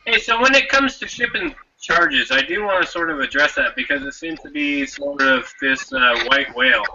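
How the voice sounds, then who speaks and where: A man hosting a casual podcast chat, talkative and quick to laugh. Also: medium pitch, lo-fi sound, noisy background.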